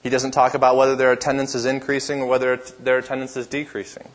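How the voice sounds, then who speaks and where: In church, a male pastor preaches a sermon with a strong, powerful voice and an emphatic, repetitive cadence. His voice is medium-pitched and monotone, and he moves at a quick pace.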